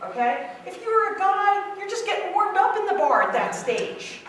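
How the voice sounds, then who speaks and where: A woman's voice: very high voice, very animated, normal speed, a bit bright, slight background noise. A woman speaking frankly to an audience, brash and punchy. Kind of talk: blunt talk to an audience. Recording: echoey room from far off.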